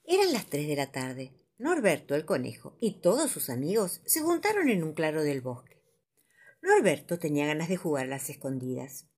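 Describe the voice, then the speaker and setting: A woman narrating children's stories as a storyteller, with a lively, dramatic reading style. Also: low voice, moderate pace, husky.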